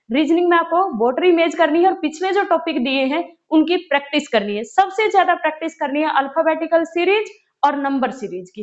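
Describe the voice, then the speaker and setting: A woman's voice: very high-pitched, lo-fi sound. A woman teacher giving casual study guidance, repeating key points and answering her own questions. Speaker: exam-prep teacher.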